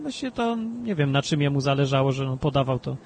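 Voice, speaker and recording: A male talk radio host chatting about politics in an animated, rambling way, with emphatic bursts and frequent restarts. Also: quick pace, slight background noise. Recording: low-bitrate talk radio stream with faint music.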